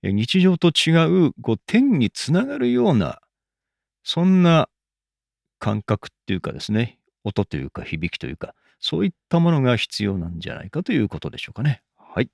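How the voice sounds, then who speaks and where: Male host, low voice, very lively swooping pitch, dry close sound, filler-heavy recaps. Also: moderate pace, vocal fry, no echo. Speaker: host summarizing segments. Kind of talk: recorded commentary between segments.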